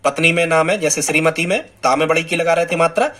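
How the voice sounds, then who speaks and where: Male teacher, bright and a bit high, explains correct spellings word by word and self-quizzes out loud. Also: steady tone, fast talker. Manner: repeats words, asks and answers himself. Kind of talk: Hindi grammar lesson.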